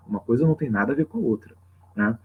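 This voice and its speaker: Speaking very fast in a mid-range, husky voice, a Brazilian Portuguese-accented religious teacher hosts an open class on a livestream. His explanations are loose and improvised, peppered with tag questions to the viewers, and the sound is a bit dull and lo-fi.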